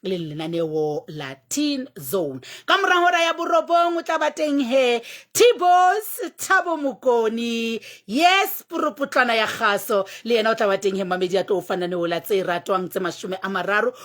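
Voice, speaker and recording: A woman with a Sotho accent hosting live radio, exuberant and exclamatory, calling out shout-outs and repeating words in quick bursts. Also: a little high, expressive. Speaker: radio host. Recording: music behind the voice.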